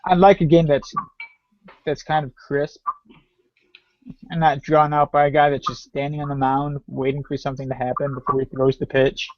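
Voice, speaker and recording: A man's voice: a little high, little pitch movement, moderate pace, no echo. Wry man on a dry, lo-fi podcast. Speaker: podcast co-host. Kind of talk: casual chat. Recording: dry, dull lo-fi podcast audio.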